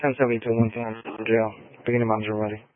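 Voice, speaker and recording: A man's voice: lowish voice, completely flat delivery, rapid-fire, no echo. A man speaking in clipped radio codes over a police radio transmission. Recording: tinny radio channel.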